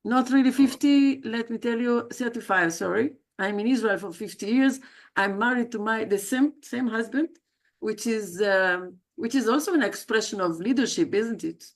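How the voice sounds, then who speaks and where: This woman from South America, a leadership coach invited as a guest speaker, presents herself during a livestreamed video call, speaking casually and personally with frequent pauses and self-corrections. Her voice is a little high, at a normal speed.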